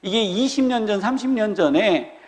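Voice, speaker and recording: A man preaching a sermon as a pastor, lively and humorous, acting out the people he quotes. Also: high voice, moderate pace. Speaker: senior pastor. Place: church sanctuary. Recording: reverberant church hall.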